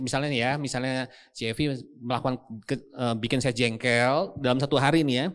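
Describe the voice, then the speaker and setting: A man with an Indonesian accent preaching a sermon as pastor, telling stories with acted quotes and asking the congregation questions. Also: a little high. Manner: lively storytelling with acted quotes and rhetorical questions. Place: church service.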